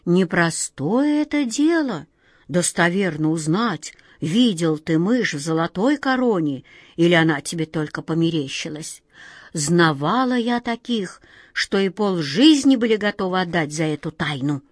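A woman reading a storybook and voicing a kindly, sly auntie who talks slowly and coaxingly. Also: on the low side, lively intonation, no echo, studio quality. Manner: slow, drawn-out, fond coaxing tone.

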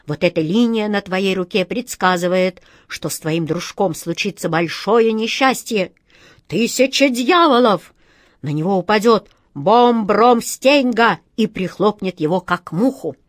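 A woman's voice: very high-pitched, expressive, slow pace, few pauses, warm tone, no room sound, clean studio sound, voice pushed up, exaggerated voice. A woman voicing a wheedling, greedy old female fortune-teller in a storybook reading, wailing and sing-song.

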